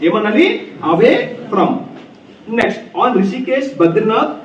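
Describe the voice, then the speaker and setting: A man's voice: sits high, lively intonation, unhurried, slight background noise. A male English grammar teacher in a classroom, repeating key points and firing questions at his students. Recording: echoey, distant, dull classroom recording.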